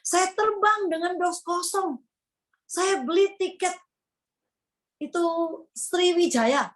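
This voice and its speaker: An older woman from Indonesia, telling her story to an audience with animated storytelling and acted-out quotes. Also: very high-pitched, slow pace. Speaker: speaker at a sales meeting. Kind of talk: motivational testimony to an audience.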